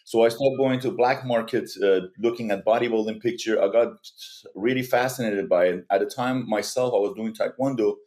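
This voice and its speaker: Low-voiced Iranian-born man telling his story. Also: a little mellow. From Iran. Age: 40s. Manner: earnest, halting, with frequent restarts. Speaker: guest. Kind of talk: personal story in a podcast interview.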